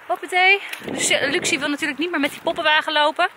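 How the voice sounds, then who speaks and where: A woman's voice: high voice, steady tone, very fast, noisy background. A Dutch woman in her thirties, a mother filming a family vlog, chatting to the camera and soothing her frightened dog. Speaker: vlogger, mother. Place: outdoors, then at home.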